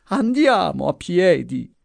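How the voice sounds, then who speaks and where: A man's voice: high voice, very animated, takes it slowly, creaky, darkish tone, no echo, clean studio sound, voice pushed up, exaggerated voice. A man putting on a feeble, quavering old woman. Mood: pleading. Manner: plaintive, moaning pleas. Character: frail elderly woman, timid and fearful. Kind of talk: audiobook character voice.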